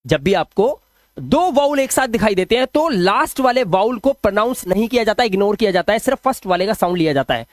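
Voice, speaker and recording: A man teaching English phonics rules, who repeats example words slowly and puts questions to his students. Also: high-pitched, no echo, clean studio sound. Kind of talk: phonics lesson explaining spelling rules.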